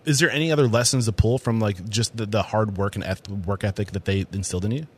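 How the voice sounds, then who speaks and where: A man's voice: lowish voice, steady tone, fast, darkish tone, slight background noise. A man from New Hampshire hosting a casual interview podcast, upbeat and chatty, with frequent fillers and restarts. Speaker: podcast host.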